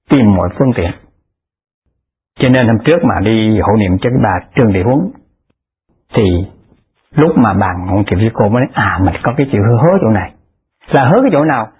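Husky man's lively dharma talk. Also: mid-range voice. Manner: animated, acts out the people in his stories. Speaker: Buddhist lay dharma speaker. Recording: tinny lo-fi phone-like recording.

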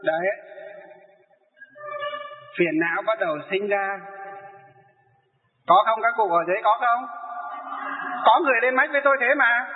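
A man's voice: sits high, normal speed, pauses often. A male Buddhist monk giving a sermon, posing questions and answering them himself. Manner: rhetorical questions he answers himself, lively storytelling. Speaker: Buddhist monk teaching lay followers. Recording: echoey hall through a tinny narrow line.

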